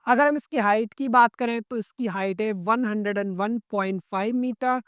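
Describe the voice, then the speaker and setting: A man with an Indian accent teaching an online exam-prep lecture, drilling points and often checking in with "right?" and "clear?". He asks questions and then answers them himself. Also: high-pitched, normal speed, fairly bright tone, dry recording, studio quality. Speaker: architecture entrance-exam tutor.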